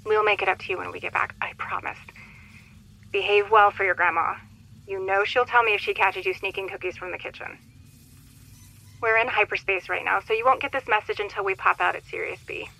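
A woman playing a young mother who pilots a cargo starship, talking warmly and apologetically in a recorded message. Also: mid-range voice, fairly even intonation, brisk, vocal fry, low-quality recording. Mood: apologetic. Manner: warm and apologetic.

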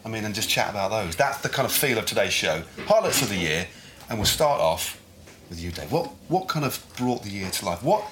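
Fast-talking English male host, low voice. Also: very animated, background noise. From England. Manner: jokey, rambling. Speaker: host, cycling commentator. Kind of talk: casual chat show hosting.

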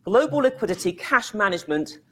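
A woman's voice: mid-range voice, animated, brisk. A woman hosting a business webinar, introducing speakers with light joking asides. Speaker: host.

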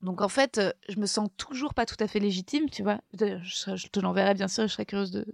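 A woman speaks at a middle pitch, winding through a long personal story with hesitant, self-deprecating asides. Her voice is close and dry, with no room sound around it. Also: fast, gravelly, dry recording. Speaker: podcast guest, first-time author. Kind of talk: casual storytelling.

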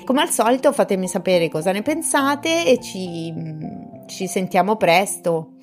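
A woman's voice: mid-range voice, big pitch swings, a little slow, soft background music. A woman hosting a solo podcast, talking in a casual, chatty, informal and affectionate way to her listeners. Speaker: podcast host.

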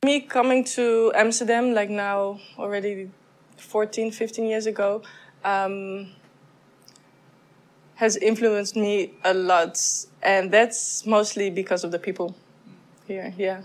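Soft-spoken woman from the netherlands, talks slow and thoughtful about her photo work, lots of ums. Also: medium pitch, flat delivery. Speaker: photographer guest. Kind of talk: reflective interview answers.

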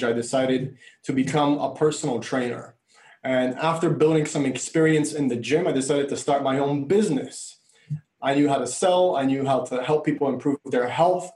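A man's voice: mid-range voice, a little mellow. Man born in Bulgaria, Bulgarian first language, earnest interview guest, echoey room. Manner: earnest storytelling. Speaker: guest, coach and speaker. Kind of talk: conversational interview.

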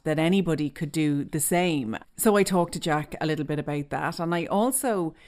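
Low-voiced woman hosting an interview. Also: darkish tone. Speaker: podcast host. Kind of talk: scripted introduction then interview.

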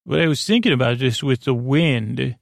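A man with a creaky, gravelly voice hosts a sleep podcast, rambling gently and reassuringly in a halting, meandering monologue that trails off mid-thought. He speaks at medium pitch with expressive delivery. The recording is dry and clean, with studio sound.

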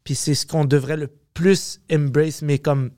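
A man with a Québécois French accent, a comedian talking as a podcast guest, animated, swearing often and slipping into English. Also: a little high, measured pace, no echo. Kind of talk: casual podcast conversation.

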